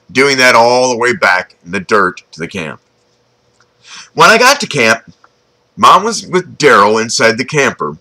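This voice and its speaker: A man's voice: mid-range voice, bright, forceful tone, poor audio. A man reading his own story aloud, chatty and informal, breaking off for asides and jokes to the listener. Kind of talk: storytelling narration.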